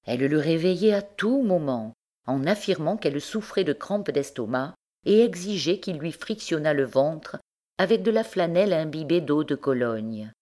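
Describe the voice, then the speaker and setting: A woman narrating a literary story in a measured, expressive way. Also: low voice. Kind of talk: audiobook narration.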